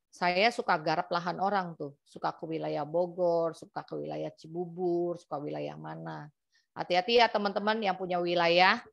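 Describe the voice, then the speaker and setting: A woman's voice: deep voice, vocal fry, no room sound, lo-fi sound. A middle-aged woman, telling sales stories to colleagues in a casual way and acting out the dialogue. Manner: lively, acts out dialogue in quotes. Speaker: insurance agent sharing experience.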